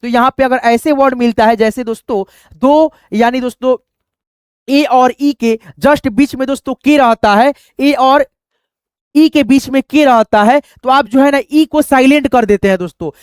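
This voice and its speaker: A man's voice: very high-pitched, moderate pace, clean tone, no echo, clean studio sound. A man teaching English pronunciation in a patient, repetitive way, spelling words out letter by letter and often addressing his listeners as friends. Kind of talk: spoken lesson.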